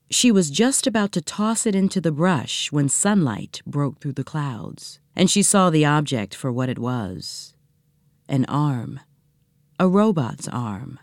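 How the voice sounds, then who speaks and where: A woman narrating a children's story in a recording studio, reading gently and expressively. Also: deep voice, dry recording. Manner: gentle, expressive read-aloud with voiced characters.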